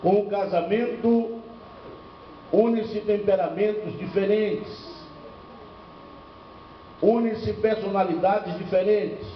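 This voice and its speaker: An older male pastor from Bahia speaks in a high voice, spinning anecdotes and asking the room questions. The recording is dull and lo-fi, picked up from a distance in a reverberant church hall with faint background noise. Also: steady tone, takes it slowly, pauses often. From Bahia, northeastern Brazil. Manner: storytelling with rhetorical questions and humor. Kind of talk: church seminar preaching. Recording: echoey lo-fi church recording from far off.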